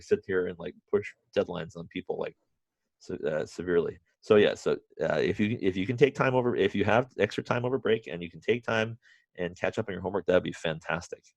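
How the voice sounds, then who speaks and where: A man teaching a university math class remotely, halting often with restarts and fillers, and dropping wry, self-mocking asides. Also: sits low, gravelly, no room sound, muffled recording. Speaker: math professor.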